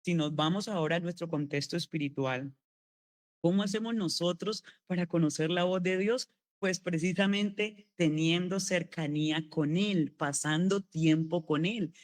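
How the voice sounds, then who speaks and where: A middle-aged woman preaching a sermon to her congregation. She talks in a relaxed, conversational way, asks one rhetorical question after another and keeps checking in with a quick tag question. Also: lowish voice.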